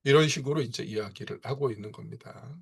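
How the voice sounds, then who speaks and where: A man's voice: medium pitch, fairly quick, gravelly, husky. A man giving an online seminar lecture, dropping frequent fillers and asking rhetorical questions as he explains. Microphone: video call.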